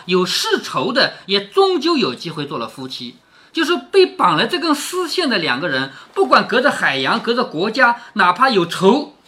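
A man reads a classic novel to his daughter and breaks off to explain it in plain, chatty words. He keeps checking in with questions, and his bright voice swoops up and down. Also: sits high. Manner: chatty, asks the listener questions. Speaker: father reading aloud to his daughter. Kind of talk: casual storytelling with explanations.

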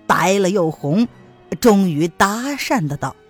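A woman narrating a martial-arts novel in a lively, expressive storytelling manner. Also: mid-range voice, takes it slowly, husky, soft background music.

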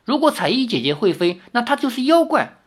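A woman voicing a timid, tearful little boy who speaks in a high, childish, pleading way in a storybook reading. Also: big pitch swings, a little fast, slightly rough. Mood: eager, secretive.

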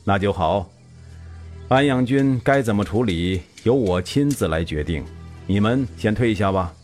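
A weary old king, as a male storyteller plays him, speaking in a flat, resigned way in a low voice. Faint music hums behind him. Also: a little slow. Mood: commanding. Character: aging former king, weary and calm.

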